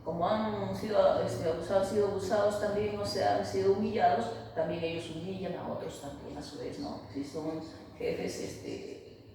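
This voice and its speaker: A woman's voice: medium pitch, normal speed, creaky, dark tone. A woman family therapist speaking, hesitant with many fillers and restarts. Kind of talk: interview, explaining to an interviewer. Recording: echoey room, voice far from mic, faint noise.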